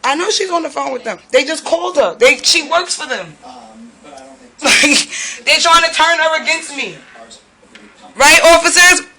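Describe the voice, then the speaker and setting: Her voice sits high, bright and forceful, though she speaks at a measured pace with frequent pauses. She is a resident indoors in her apartment filming a police standoff, offering agitated live protest commentary, posing rhetorical questions and speaking directly to officers.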